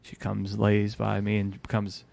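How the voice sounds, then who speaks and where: A man's voice: on the low side, monotone, unhurried, gravelly, darkish tone. A man, a musician guest, telling rambling stories in casual podcast chat, full of fillers and restarts.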